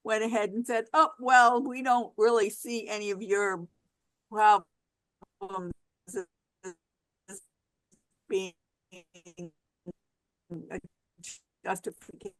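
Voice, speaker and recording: A woman speaks slowly over a video call with audio that keeps cutting out and breaking up. She talks haltingly, restarting and repeating words. The sound is dry and close. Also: medium pitch, fairly even intonation, dry recording, poor audio. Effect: choppy, breaking-up video call audio. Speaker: community activist caller. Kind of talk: casual meeting talk on a video call.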